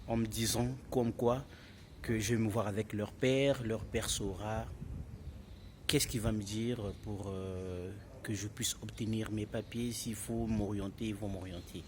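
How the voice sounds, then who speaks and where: A man with a Congolese French accent, a vlogger telling his own story, speaks casually in a lowish, steady voice at a slightly slow pace. He is emphatic and repetitive, calling his listeners buddies, against a clearly noisy ambient background.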